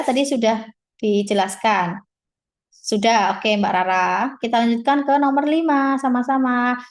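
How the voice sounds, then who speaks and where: A woman tutor teaching a live online class, patiently explaining and answering students by name over a video call. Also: on the high side.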